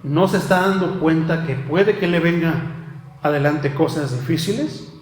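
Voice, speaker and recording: Man, high-pitched preacher, rhetorical questions, addresses listeners as brother, reverberant church hall. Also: moderate pace, a little hiss or hum. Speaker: pastor. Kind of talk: sermon.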